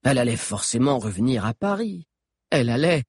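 A man telling a story in scripted audiobook narration, his voice husky and breathy. His pitch moves lively and expressively through the sentences. The recording is dry and close, with no room sound. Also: brisk, no room sound.

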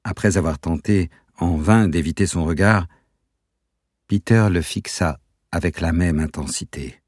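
A man reads a novel aloud in a measured, even narration. His voice is extremely deep with a husky edge. The recording is dry and close. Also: dry recording. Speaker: audiobook narrator. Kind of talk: scripted narration.

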